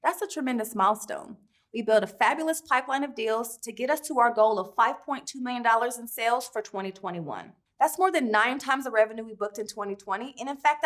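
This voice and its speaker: Female founder for a scripted investor pitch, higher-pitched, polished and upbeat. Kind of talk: scripted promotional interview.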